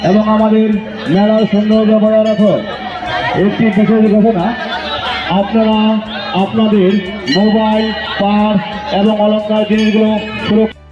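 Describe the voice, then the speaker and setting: A man's voice: high voice, flat delivery, measured pace, pauses often. Festival announcer, male, barking orders through an echoey, muffled megaphone over crowd and music. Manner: loud, commanding calls to the crowd. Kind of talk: public safety announcement. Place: outdoor temple fair.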